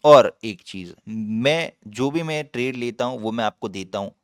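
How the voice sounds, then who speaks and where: A man's voice: medium pitch, expressive, moderate pace, smooth, dry recording, studio quality. A young man giving live trading commentary as a channel host, talking in an emphatic, repetitive way and calling the viewer brother. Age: young adult.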